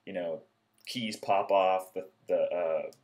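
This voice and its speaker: A man's voice: low voice, slow pace, darkish tone. A man giving casual spoken feedback on a friend's ideas, rambling and hesitant with many fillers, briefly acting out short bits. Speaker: peer reviewer giving feedback.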